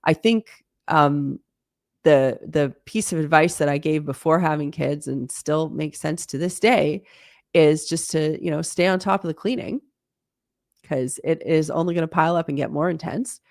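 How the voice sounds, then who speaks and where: Chatty gravelly-voiced woman in her forties. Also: low-pitched, moderate pace, darkish tone, no room sound, studio quality. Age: 40s. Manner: chatty, candid, lots of fillers. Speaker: host. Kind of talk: live-stream Q&A chat.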